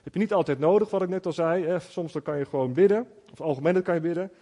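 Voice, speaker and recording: A man's voice: fairly high pitch, quick pace, dark tone. A man preaching informally, telling stories in an earnest way with many restarts and fillers. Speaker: preacher teaching on spiritual gifts. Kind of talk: informal sermon teaching. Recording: long hall reverb.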